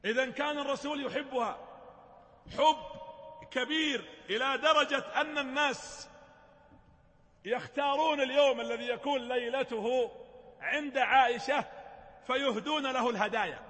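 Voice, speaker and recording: A man's voice: very high-pitched, moderate pace, pauses often, a bit bright, in a large hall. A man giving a storytelling religious lecture, retelling sacred history with colloquial explanations and light humorous asides.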